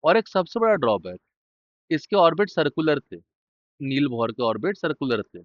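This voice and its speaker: A man's voice: on the high side, big pitch swings, moderate pace, no echo. A male chemistry teacher runs a casual revision lesson for school exams. He speaks directly to his students, drills key terms by saying them again and again, and throws in blunt, joking remarks. The sound is dry and a little dull. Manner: talks straight to students, blunt and jokey asides, repeats key terms. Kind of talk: informal exam-revision lesson.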